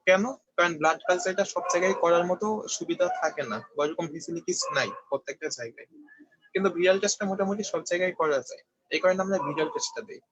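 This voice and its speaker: A man's voice: high voice, fast, a bit bright. A young man from Bangladesh giving an online medical review lecture, explaining step by step and often checking that students follow. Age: young adult. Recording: dull, slightly lo-fi dry recording.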